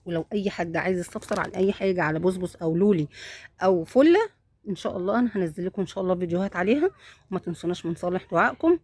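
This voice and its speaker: Egyptian woman, casual phone vlog in the bedroom, soft and fond, dry sound. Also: lowish voice, lively intonation, racing, no room sound. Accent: Egyptian Arabic. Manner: talks softly and fondly to the cat and kittens. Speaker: vlogger filming her cat. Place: home bedroom.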